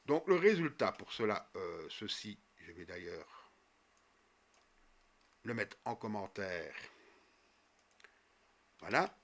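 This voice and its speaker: A man walking viewers through a coding tutorial step by step as he types, with frequent fillers and quick self-corrections. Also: on the low side, expressive, fairly bright tone. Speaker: programming tutor. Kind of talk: screen-recorded coding tutorial.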